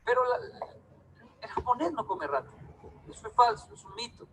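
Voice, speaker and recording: A man's voice: extremely high pitch, very animated, moderate pace, a little hiss or hum, poor audio. A man from Colombia, giving a storytelling talk to a live audience and acting out quoted dialogue in different voices. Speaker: public speaker.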